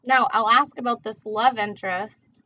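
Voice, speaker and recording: On a livestream, a tarot reader rambles in a laid-back, slangy way while smoking. Her voice sits on the high side, pushed and bright, at a normal speed, and the lo-fi audio sounds dull and muffled.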